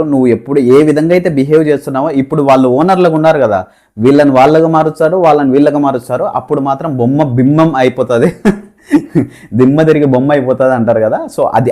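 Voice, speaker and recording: Just a guy doing a chatty reality show recap, opinionated, laughs a bit, middle pitch. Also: darkish tone. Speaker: show commentator.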